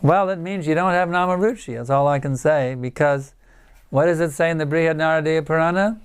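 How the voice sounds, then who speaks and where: Older male teacher, devotional talk, earnest and emphatic, smooth clear voice pitched a little high. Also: fairly quick. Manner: earnest, emphatic, repeats words for stress. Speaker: spiritual teacher giving a lecture. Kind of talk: devotional lecture to a home group.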